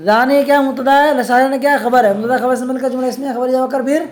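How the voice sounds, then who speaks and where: Very high-pitched and fairly even in intonation, a man delivers a religious studies lesson on scripture grammar. He continually asks his students questions and answers them himself, reading Arabic passages slowly with occasional casual teasing.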